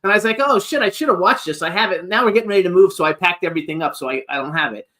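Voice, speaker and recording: Bright, high-voiced man hosting. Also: racing. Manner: enthusiastic, informal, sweary. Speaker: talk show host. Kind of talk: casual interview chat.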